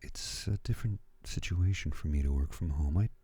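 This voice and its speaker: A man in his fifties speaking in a soft, breathy ASMR voice, slow and soothing, moving between whispering and murmuring close to a studio microphone. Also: a bass voice, no room sound. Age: 50s. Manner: slow, soothing, hushed delivery. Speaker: ASMR host. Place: at home.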